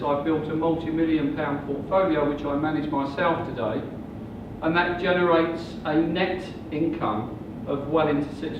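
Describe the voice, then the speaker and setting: An Englishman in his sixties, his voice on the high side, gives a slow, measured sales presentation on property investing at a seminar in a hotel function room. The recording is muffled, distant and echoey, with noise.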